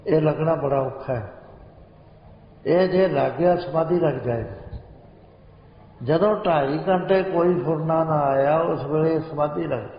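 A man's voice: fairly high pitch, slight background noise. Man preaching, chanting lines in a hall. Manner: slow chanting of sacred lines within speech. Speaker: Sikh preacher. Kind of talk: spiritual discourse with sung lines. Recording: echoey hall, muffled lo-fi sound.

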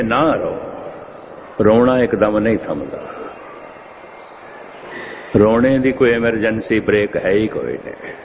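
A man preaching a religious discourse at an unhurried, deliberate pace, circling back to repeat his key phrases for weight. His voice sits in a middle register. The sound is thin and phone-like, with a faint hiss underneath. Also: medium pitch. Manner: measured, repeats phrases for emphasis. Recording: tinny phone-like lo-fi audio with faint noise.

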